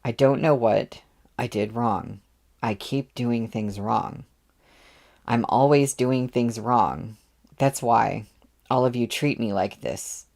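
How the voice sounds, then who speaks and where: A man's voice: medium pitch, slow pace, creaky, a little mellow. A man reading aloud, voicing a remorseful young man who speaks in short, faltering sentences. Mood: tearful, halting. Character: broken, remorseful young man, halting and tearful. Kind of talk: audiobook readalong.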